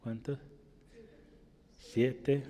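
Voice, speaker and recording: A man's voice: little pitch movement, drawn-out words, warm tone, lo-fi sound. A man preaching a sermon in a church, often asking the congregation questions and adding "¿verdad?", his voice rising when he reads Scripture aloud. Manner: rises in pitch and volume when reading Scripture aloud. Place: church hall. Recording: long hall reverb.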